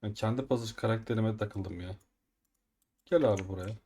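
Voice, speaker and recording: A man casually commenting on his own gameplay as a gaming video host, excitable and quick to get frustrated. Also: on the low side. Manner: excitable, frustrated outbursts while upgrading items. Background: keyboard typing and mouse clicks.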